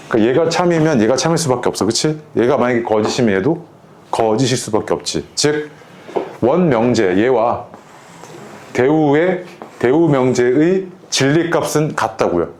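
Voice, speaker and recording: A man lectures on math in an easy, chatty way, stopping often to ask whether the class is keeping up. His voice sits at an ordinary pitch, and a faint hiss runs under the recording. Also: expressive, normal speed, darkish tone. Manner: casual, keeps checking in with students. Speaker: math teacher. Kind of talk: lecture to students.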